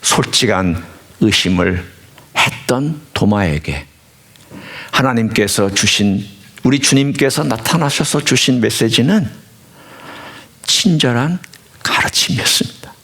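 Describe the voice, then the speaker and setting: A man's voice: mid-range voice, expressive, a little slow, long pauses, fairly bright tone. A male pastor giving a sermon in a church, preaching with animation and putting questions directly to the congregation. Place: church sanctuary.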